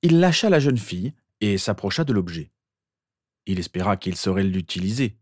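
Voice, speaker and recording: A man's voice: on the low side, big pitch swings, normal speed, darkish tone, dry recording, clean studio sound. A man reading a story aloud, narrating the scenes between the dialogue. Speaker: reader.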